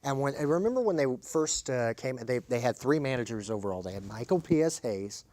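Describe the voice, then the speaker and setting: A man of middle pitch hosting a casual wrestling chat. He tells stories and keeps putting questions to his guests. The voice is recorded dry and close. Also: lively intonation, fairly quick, darkish tone, no echo. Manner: chatty storyteller who asks lots of questions.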